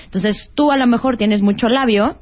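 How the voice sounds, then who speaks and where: A woman's voice: a little high, normal speed, highs cut off. A woman explaining face reading as a guest expert in a casual talk-show chat, often ending with a questioning "no?". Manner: explanatory, rhetorical tag questions.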